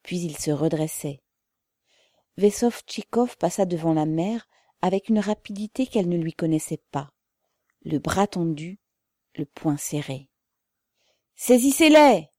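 A woman narrating a novel aloud in a measured, solemn reading. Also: fairly low pitch, dark tone, dry recording, clean studio sound. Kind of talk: audiobook narration.

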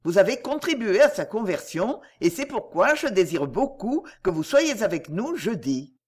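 Courteous old aunt read by a woman, measured and lively in tone, storybook reading. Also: mid-range voice, slightly rough. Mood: gracious. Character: elderly aunt, gracious and gently formal.

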